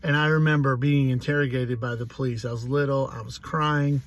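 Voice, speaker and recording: A man's voice: mid-range voice, steady tone, brisk, slight background noise. Rambling, profane man telling a story. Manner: rambling, profane, self-mocking. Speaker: host. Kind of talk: casual personal storytelling.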